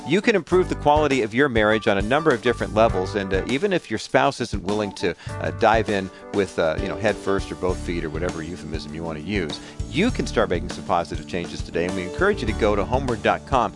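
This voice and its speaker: A man co-hosting a radio show, reading the closing announcements in a smooth, upbeat broadcast manner. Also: fairly low pitch, lively intonation, quick pace, few pauses. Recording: radio studio with guitar music bed.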